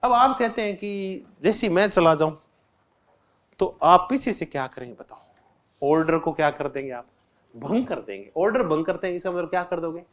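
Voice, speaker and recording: A man's voice: high-pitched, animated, normal speed. A man teaching an exam-prep lecture, constantly asking the class questions and answering them himself, repeating key terms with simple examples. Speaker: political science teacher.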